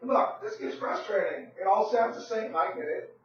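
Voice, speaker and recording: Hoarse high-voiced man pitching on a call. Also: animated, moderate pace, echoey room, dull audio, slight background noise. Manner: persuasive, pushy, repeats "okay?" and "right?"; clears throat often. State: hoarse, losing his voice. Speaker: real estate agent on a sales call. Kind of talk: phone sales call.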